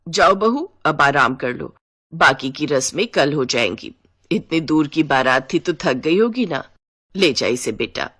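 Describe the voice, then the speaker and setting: A woman's voice: deep voice, expressive, measured pace, fairly bright tone, pitched below the performer's own voice, full character voice. A woman voicing a bossy middle-aged mother-in-law in a cartoon story, commanding and complaining. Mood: welcoming.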